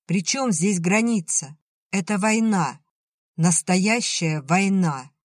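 Male reader as sharp-tongued woman boss, curt and cross. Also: a little high, slow, no room sound, studio quality. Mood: angry. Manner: curt, angry.

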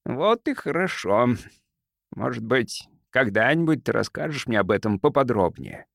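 A man voicing a genial, crafty doctor who bargains in a soft, sugary, unhurried voice for an audiobook. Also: mid-range voice, vocal fry, no room sound, studio quality. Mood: gentle, earnest.

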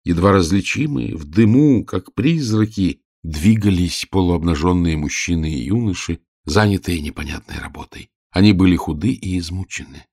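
Brief: male narrator, very low and gravelly, steady expressive storybook reading, dry close sound. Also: moderate pace, few pauses, no echo.

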